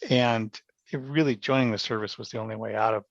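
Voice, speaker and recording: An older American actor from a small town in New York state chats casually and tells anecdotes as a podcast guest. His voice is fairly low and steady and a little fast. The recording is dull, dry and lo-fi.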